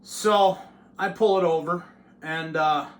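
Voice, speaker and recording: A man tells a story straight to camera, swearing freely and getting worked up as he goes. His voice is bright and forceful and sits a little high. The room is echoey, with a faint hum of ambience behind him. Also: moderate pace. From United States. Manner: profane, animated retelling. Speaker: channel host.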